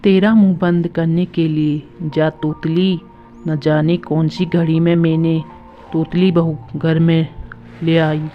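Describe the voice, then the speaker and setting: A woman's voice: sits low, flat delivery, slow. A woman doing a scolding mother-in-law. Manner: scolding, mocking. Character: sharp-tongued middle-aged mother-in-law. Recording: dull lo-fi audio with soft music.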